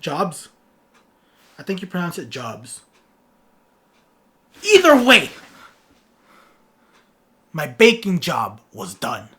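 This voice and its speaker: A woman in her twenties telling a comic story on her vlog, self-mocking and dramatic, dropping to mumbles and rising to loud outbursts. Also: low-pitched, very animated, a little slow. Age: 20s. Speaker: vlogger.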